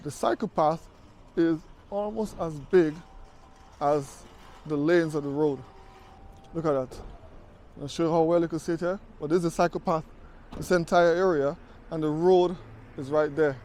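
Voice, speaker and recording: A man with a highish, darkish voice talks at a moderate pace with long pauses, chatty and conversational, often saying "you know." He's a travel vlogger walking city streets outdoors, recorded on a camera mic with slight background noise.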